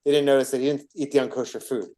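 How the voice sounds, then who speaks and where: A man's voice: medium pitch, fairly even intonation, rapid-fire, warm tone. A man teaching a class, retelling an old story informally with many restarts, asides and self-corrections. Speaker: teacher of a class on rabbinic stories.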